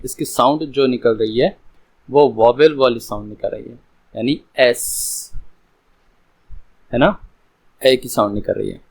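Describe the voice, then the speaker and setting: Slow, patient male English teacher. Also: medium pitch, a little mellow, rough recording. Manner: explains slowly, repeating examples and asking "है ना". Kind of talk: grammar lesson.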